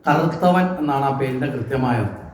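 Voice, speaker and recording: A man's voice: mid-range voice, brisk, darkish tone, reverberant, slight background noise. A man giving a devotional scripture discourse at a temple, often asking the listeners questions and answering them himself. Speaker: religious discourse speaker. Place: temple hall.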